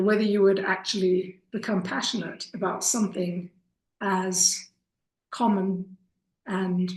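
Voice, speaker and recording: A middle-aged Kenyan woman, working as a course instructor, gives an informal introductory talk, earnestly and deliberately telling her story with pauses. Her voice is mid-range and the room sounds echoey.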